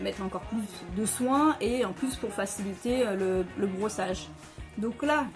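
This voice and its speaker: A woman chatting casually at home as she reviews hair products, with many fillers and restarts. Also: mid-range voice. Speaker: beauty vlogger.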